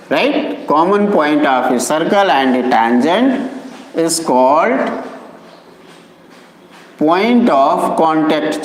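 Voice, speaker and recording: A man lecturing on geometry, stopping often to call his students children and check that they follow. His voice sits high and swoops widely as he stresses each term, and he talks at a slow, deliberate pace. The sound is roomy, with a long reverb tail. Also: slight background noise. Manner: addresses students as children, repeats terms slowly. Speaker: maths teacher. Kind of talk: classroom lecture. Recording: echoey classroom with long reverb.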